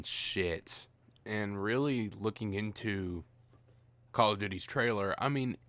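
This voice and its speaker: Profane, ranting man with a low voice. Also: fairly bright tone, dry recording. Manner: profane, exasperated, rambling. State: tired. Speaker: gaming commentator. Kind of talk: ranting video commentary.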